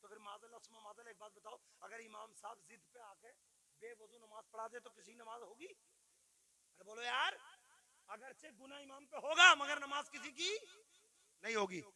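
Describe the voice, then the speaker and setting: A male Islamic preacher delivering a sermon, moving from quiet asides to loud shouted exhortation and calling out to the crowd. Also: extremely high pitch, moderate pace.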